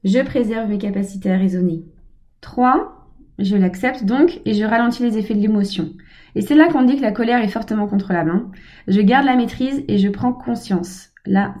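Calm, mellow-voiced woman giving self-help advice. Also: medium pitch. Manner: calm, measured, repetitive phrasing. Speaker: personal development speaker. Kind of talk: reflective self-help talk.

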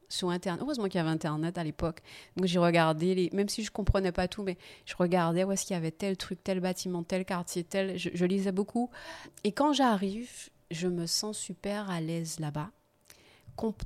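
A woman guest on a podcast, telling her life story in a casual, lively way and often laughing. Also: on the low side, brisk. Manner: lively, laughing, animated when telling anecdotes.

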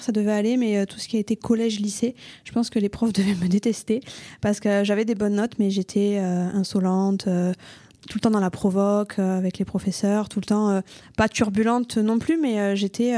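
A woman's voice: medium pitch, mellow, no echo. A young woman from Toulouse with a Toulouse accent, a guest in an interview, talking frankly with many fillers in a coworking space. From Toulouse, France. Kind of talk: conversational interview.

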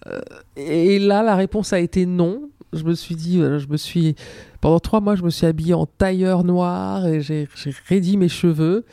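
A woman's voice: on the low side, normal speed, dark tone, no room sound, clean studio sound. A woman speaking as a podcast guest, thoughtful and hesitant, often restarting her sentences. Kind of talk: podcast interview.

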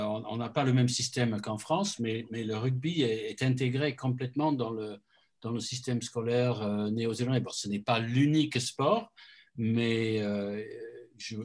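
A man from New Zealand answering an audience question at a book talk, earnest and halting with many restarts. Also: medium pitch, darkish tone.

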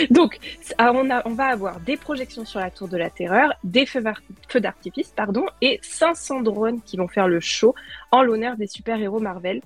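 A woman's voice: fairly high pitch, animated, moderate pace, faint music behind. A woman presenting news as a podcast co-host, chatty, with frequent fillers and self-corrections. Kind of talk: casual chat.

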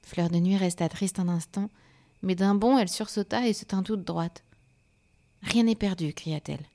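A woman narrating a children's story, gentle and soft, sometimes dropping to a whisper. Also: on the low side, normal speed.

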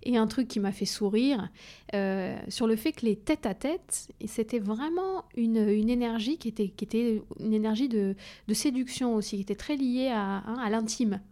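A woman's voice: a little high, moderate pace, dark tone. A woman hosting a podcast interview, recapping earlier points and prompting her guest with questions. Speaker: podcast host.

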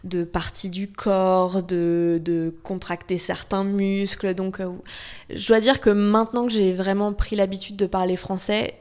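A woman guest, a yoga teacher, explains her path in a relaxed, chatty way. She hesitates often, restarting phrases and leaning on fillers as she thinks aloud, at a mid pitch. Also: a little slow, clean tone. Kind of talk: casual conversational interview.

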